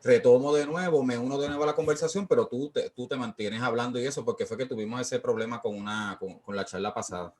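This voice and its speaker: Male Puerto Rican host, mid-pitched, halting filler-laden speech over a video call. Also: a little mellow. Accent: Puerto Rican Spanish. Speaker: host and education coordinator. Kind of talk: online talk host. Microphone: computer mic on a video call.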